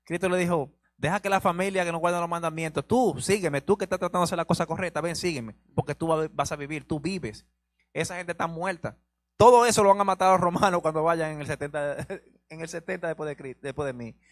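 A man's voice: high-pitched, no echo. Emphatic man explaining scripture. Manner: emphatic, gives orders to the reader. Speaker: Bible teacher. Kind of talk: Bible teaching on a live show.

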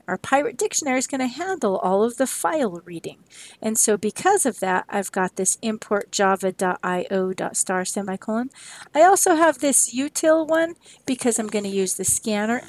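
A woman's voice: mid-range voice, no echo. A woman teaching a programming lesson, explaining each step of her code in a friendly, plain way. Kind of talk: screen-recorded coding tutorial.

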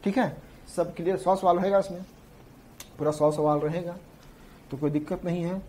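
A man's voice: high-pitched, fairly even intonation, moderate pace, darkish tone, slight background noise. A man teaching an exam prep class, repeating points over and over to drill them in. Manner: repetitive, drilling points to students. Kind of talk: classroom lecture.

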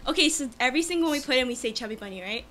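Young girl hosting a vlog, high voice, chatty, noisy room audio. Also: animated, rapid-fire, sharp tone. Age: young adult. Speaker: vlog host. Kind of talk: casual chat. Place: small room indoors, plain backdrop. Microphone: camera a few feet away.

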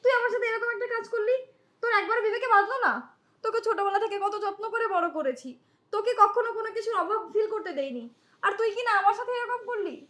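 A woman's voice: very high-pitched, fast talker, pushed and bright. A woman playing a wronged older sister and wife in a short-film drama who questions and confronts others indignantly. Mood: reproachful. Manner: indignant and demanding.

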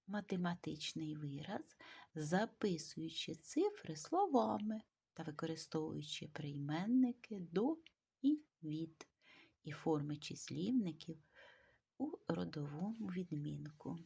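A woman teaching a video grammar lesson, slowly dictating words with care. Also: sits low, gravelly, mellow, slightly rough. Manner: slow, careful dictation of words.

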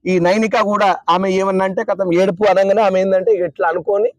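Fast-talking, opinionated man. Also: high voice, no echo. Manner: animated, opinionated, talks over his co-host. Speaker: TV show reviewer. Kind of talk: casual chat.

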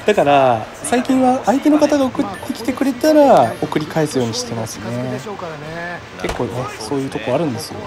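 A man from Kagoshima casually commenting on his own baseball video game, reacting aloud and often apologizing. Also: fairly high pitch. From Kagoshima, Japan. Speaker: game streamer. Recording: game crowd noise behind. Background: baseball game crowd sound.

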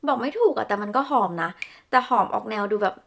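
A woman's voice: medium pitch, fast talker, creaky. A young woman chatting casually through a perfume review, descriptive and gushing, with polite particles. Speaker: beauty vlogger.

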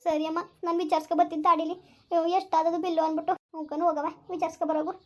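A woman's voice: very high-pitched, little pitch movement, very fast, darkish tone. A woman playing an anxious middle-aged village mother, in a village comedy skit. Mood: lamenting. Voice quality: wailing, fretful lament.

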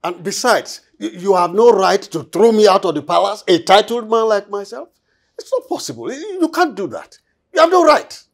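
An indignant older Nigerian titled man in a film drama, his voice very high and swinging. He hammers out his grievance emphatically, repeating himself, in a roomy sound under loud music. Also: huge pitch swings, a little fast, hardly any pauses, distant mic, heavily acted. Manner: outraged, repetitive, emphatic. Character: indignant titled man vowing payback for humiliation. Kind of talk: Nollywood film acting.

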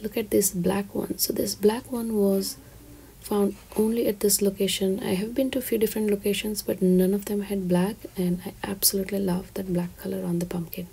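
A woman giving a soft, half-whispered walkthrough of store items for her shopping vlog, listing each item and its price. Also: medium pitch, level tone, moderate pace, vocal fry, slight background noise. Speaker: shopping vlogger. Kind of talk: shop-with-me voice-over.

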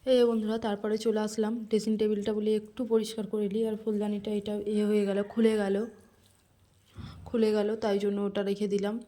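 A woman's voice: mid-range voice, monotone, a little fast, mellow. A woman vlogger giving a casual, chatty voice-over, talking to her viewers like close friends. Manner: confiding, talks straight to viewers as friends. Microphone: voice-over recorded separately from the footage.

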